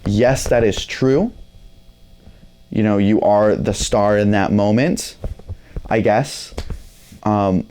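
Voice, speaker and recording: A man's voice: fairly low pitch, dark tone. Chatty man teaching guitar. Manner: conversational, fillers and "right?" tags. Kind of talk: casual video lesson.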